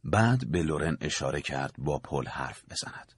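Deep husky guy reading a story out, measured and dramatic, varied intonation. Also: lively intonation, no echo, clean studio sound. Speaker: narrator. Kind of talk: scripted audiobook narration.

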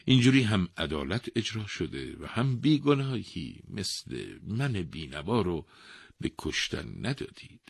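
A man voicing a poor, frightened old woodcutter who pleads humbly in a husky voice. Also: sits low, very animated, dry recording, clean studio sound, full character voice. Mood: eager.

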